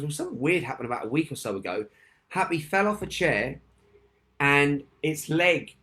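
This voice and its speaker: A man's voice: mid-range voice, fairly bright tone. A man giving a motivational talk, telling a personal story with emphatic repetition and often addressing his listeners as "guys". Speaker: motivational speaker.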